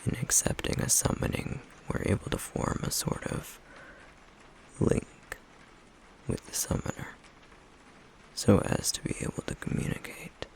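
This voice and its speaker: Calmly explaining, a man voices a stoic, guarded flame demon with a wound in an intimate ASMR roleplay, keeping to a breathy, gravelly near-whisper that is slow, brooding, and wryly teasing. His voice is close to everyday speech, and the rough recording carries slight background noise.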